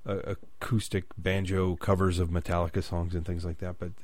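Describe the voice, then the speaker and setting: A man's voice: low voice, little pitch movement, moderate pace, a little mellow, no echo. A man from the United States interviewing a musician, asking long, rambling questions full of fillers and restarts.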